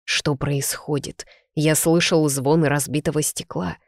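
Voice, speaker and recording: A reader voicing a shrewd, stern old man with a cane, measured and coolly authoritative. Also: mid-range voice, steady tone, creaky, dry recording, studio quality.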